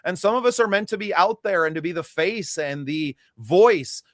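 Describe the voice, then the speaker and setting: This podcast host from the United States has a high, animated voice at a moderate pace. In a relaxed interview he comes across as earnest and reflective, occasionally restarting his sentences. The recording is studio quality with no room sound.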